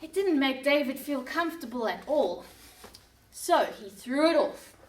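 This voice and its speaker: Slow, expressive woman storyteller. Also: high voice. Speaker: storyteller for children. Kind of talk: children's Bible story reading. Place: church room. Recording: roomy sound from a distant mic.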